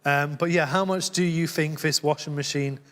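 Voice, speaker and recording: A man's voice: a little high, fairly even intonation, normal speed, fairly bright tone, long reverb tail. A young man co-hosting a casual live quiz stream, easygoing and teasing, laughing often. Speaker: co-host.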